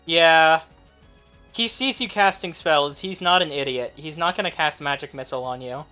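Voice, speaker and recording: A laid-back man acts as game master for a tabletop game, chuckling between rulings. His voice is bright and forward, with soft music under the session. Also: a little high. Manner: laid-back, laughs often, quick asides. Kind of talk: running a tabletop game, casual chat.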